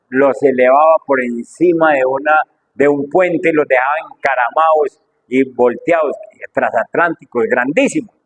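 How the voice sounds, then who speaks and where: A middle-aged man preaching a sermon with fervour, asking the congregation one rhetorical question after another and swinging his voice up and down. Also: rough recording. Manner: fervent, full of rhetorical questions, wide swings in pitch and loudness.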